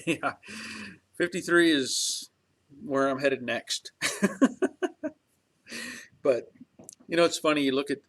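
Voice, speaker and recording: A man's voice: medium pitch, fairly bright tone. A man in his early fifties hosting a casual livestream, chatting in a rambling, reflective way with many fillers and restarts while reading viewer comments. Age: 50s. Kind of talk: casual chat.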